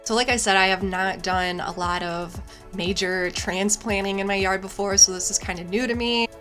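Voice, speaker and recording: A woman's voice: mid-range voice, steady tone, normal speed, a bit bright, soft background music. Chatty woman vlogging her garden. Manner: chatty, with frequent "like" fillers. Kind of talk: casual vlog chat and voice-over.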